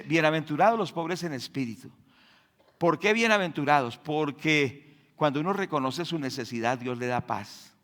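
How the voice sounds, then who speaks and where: A man preaching a sermon in church, firing rhetorical questions at the congregation and swinging between loud and hushed delivery. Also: a little high. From Colombia. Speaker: pastor.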